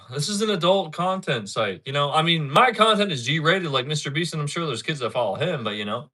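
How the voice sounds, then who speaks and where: Thirties male streamer, bright forward voice, loose rambling chat with viewers. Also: a little high, very animated, fairly quick. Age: 30s. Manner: rambling, repeats himself, talks back to chat. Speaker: livestreamer. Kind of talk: casual live-stream chat.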